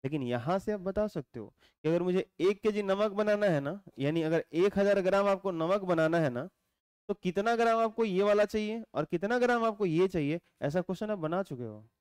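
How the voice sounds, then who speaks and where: A male teacher, giving a chemistry lecture, explaining slowly and repeating points while quizzing his students. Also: sits high, animated, a little mellow, smooth, no room sound. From India.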